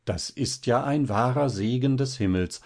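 A man voicing a kindly, doting older village pastor who speaks in an earnest, unhurried way. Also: medium pitch, vocal fry, darkish tone, voice pushed up.

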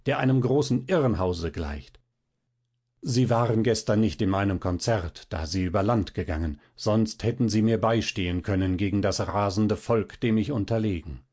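A man's voice: on the low side, normal speed, darkish tone. A man playing an outraged, boastful violinist. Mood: indignant. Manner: indignant, theatrical outbursts. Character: proud, hot-tempered Italian violinist man.

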